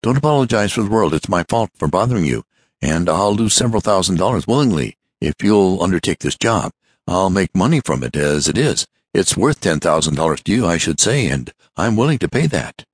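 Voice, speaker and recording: A man reading a story aloud, voicing a short, stout, fussy businessman who talks in a rapid, boastful rush. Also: deep voice, sing-song, breathy edge, no echo, studio quality, voice pushed up, full character voice. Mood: rapid pitch. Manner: rapid, breathless, boastful chatter.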